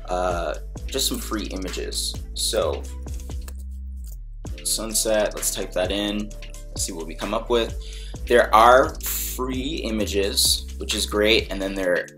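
A music producer from Barbados casually walking through a screen-recorded design tutorial, with many ums and restarts. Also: male voice, lowish voice, takes it slowly. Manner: relaxed, full of ums and restarts.

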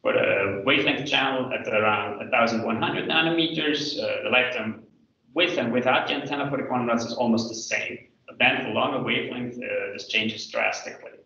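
A man presenting his PhD thesis defense as an academic slide talk, explaining in a hesitant, hedging, halting way. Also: medium pitch, gravelly, sharp tone, a little hiss or hum. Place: indoor room, online video call. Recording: echoey room, distant mic, dull video-call sound.

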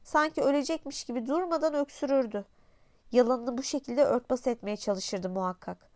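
A woman voicing a small, gentle boy prince who is curious and lonely, in polite, wondering tones. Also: high-pitched, moderate pace, dry recording, clean studio sound, natural voice. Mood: wistful. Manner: polite, wondering, soft-spoken. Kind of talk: audiobook character voice.

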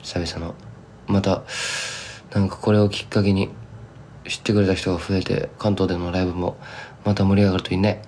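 A man's voice: low voice, little pitch movement, brisk, pauses often, a little mellow, slight background noise. Chatty young man with Kumamoto dialect. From Kumamoto, Japan. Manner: chatty, rambling, drops into thick local dialect. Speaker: singer-songwriter streaming live. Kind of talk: casual live-stream chat to fans.

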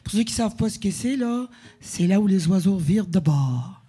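A woman's voice: medium pitch, lively intonation, moderate pace, husky. A woman from Acadia with an Acadian French accent, chatting with her audience from the stage between songs in a chatty, rambling way. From Acadia, eastern Canada. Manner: chatty, warm-hearted, rambling with fillers and self-corrections. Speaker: singer presenting her album. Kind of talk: casual stage banter with a live audience. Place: concert venue stage.

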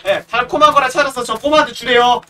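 Speaking fast in a very high, steady voice, a man streams a horror game and offers casual commentary. He ribs the characters and lets out yelps and shouts at each scare. Recorded on a distant mic, the clip has clear background noise.

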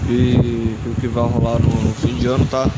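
A man's voice: moderate pace, very noisy. An eighteen-year-old man with a Brazilian accent, casually commenting over a mobile football game, repeating himself and tagging phrases with questions. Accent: Brazilian Portuguese. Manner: repetitive, chatty, tag questions after every phrase; bursts into high excited shouting at plays. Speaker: gaming channel host.

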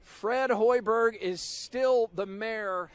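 A man's voice: high voice, drawn-out words, clear, resonant tone, dry recording. A man reporting live on sports from an outdoor tailgate, in an upbeat, wry manner, speaking into a handheld mic.

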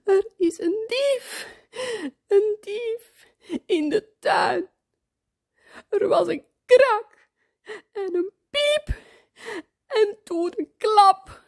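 A woman voicing a frightened little boy in a children's storybook, high-pitched, crying and shouting for help. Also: expressive, very slow, long pauses, full character voice.

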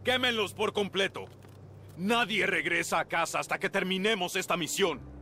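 An actor playing a proud, vengeful young warrior prince in a video game, commanding and dramatic. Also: male voice, high-pitched, moderate pace, sharp tone, a little hiss or hum. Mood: furious commanding. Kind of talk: video game cutscene acting.

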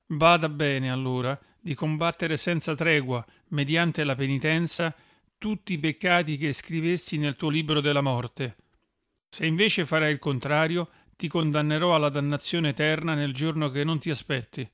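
A man's voice: fairly high pitch, fairly even intonation, normal speed, a bit bright, smooth, no room sound, clean studio sound, natural voice. A man voicing a stern, unbending divine judge who gives commands, read as an audiobook. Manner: commanding, authoritative. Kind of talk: audiobook reading.

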